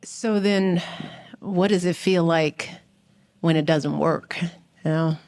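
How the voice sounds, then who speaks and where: A man interviewing a guest, asking questions in a gentle, encouraging way. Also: on the high side, slow pace.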